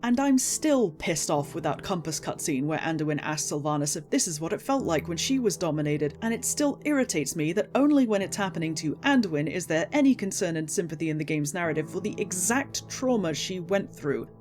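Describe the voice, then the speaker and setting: Casting: woman with a lowish voice for sarcastic, exasperated rant commentary, emphatic and scripted, faint music underneath. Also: lively intonation, fairly quick, hardly any pauses, darkish tone. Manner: indignant, sarcastic, emphatic ranting with incredulous outbursts; swears casually. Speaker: video essayist, game story critic.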